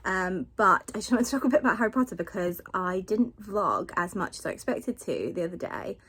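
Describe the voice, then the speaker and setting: A woman's voice: medium pitch, expressive, a little fast, fairly bright tone, husky. Woman chatting into a phone video. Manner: chatty, rambling, with frequent fillers. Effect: phone video recording. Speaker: family vlogger. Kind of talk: casual chat to camera. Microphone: phone held at arm's length.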